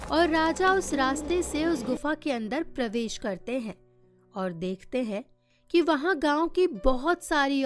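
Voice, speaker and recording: Slow, high-voiced woman narrating a story. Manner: measured storytelling. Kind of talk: scripted cartoon story narration.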